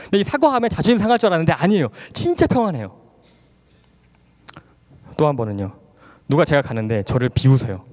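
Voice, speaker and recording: A fairly high-voiced man in his thirties tells his story from the pulpit, swinging his pitch widely as he acts out both sides of a conversation. He laughs often between lines. His voice rings out with a long reverb, the sound of a large hall. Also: fast talker, long pauses. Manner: animated storytelling, acting out dialogues with laughter. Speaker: guest speaker at a church camp. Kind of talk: testimony sermon.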